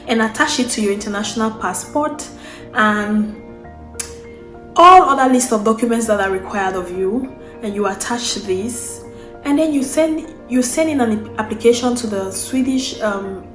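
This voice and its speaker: A woman's voice: a little high, a little slow, fairly bright tone, roomy sound, faint music behind. A young Cameroonian woman, a vlogger, explaining a process in casual unscripted talk, often restarting and repeating phrases as she goes.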